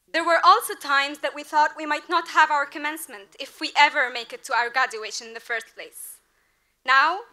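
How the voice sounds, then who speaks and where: A young woman in her twenties gives a commencement speech at an outdoor podium. Her voice is high and bright, and her delivery is earnest and rhetorical, rising to emphatic peaks. She speaks into a podium microphone. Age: 20s. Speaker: graduating class representative. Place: large outdoor ceremony at a podium. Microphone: podium mic.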